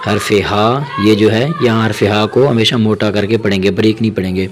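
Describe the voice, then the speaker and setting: Male Quran teacher for a lesson video: brisk explanations, slow and drawn-out spelling of the syllables. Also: on the low side, level tone, a little hiss or hum.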